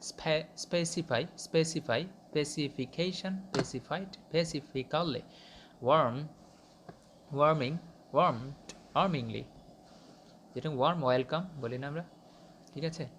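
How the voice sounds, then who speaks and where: A man's voice: on the high side, fairly bright tone, slight background noise. A Bangladeshi-accented man teaching English, reading word forms from a list, often restarting words and asking his students if they follow. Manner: halting, with frequent restarts and checking questions. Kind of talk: reading a vocabulary list aloud in a lesson.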